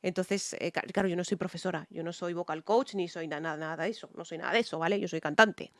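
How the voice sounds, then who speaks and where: A woman's voice: on the low side, quick pace, no room sound, studio quality. A woman from Spain with a Spanish accent, a singer giving casual reaction commentary on songs, chatty with many fillers and sung snatches of melody.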